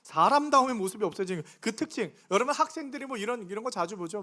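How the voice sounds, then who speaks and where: A man's voice: high-pitched, a bit bright. A middle-aged man, a pastor, preaching a Sunday sermon in a chatty way and putting questions to the congregation. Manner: conversational, asks the congregation questions. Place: church sanctuary.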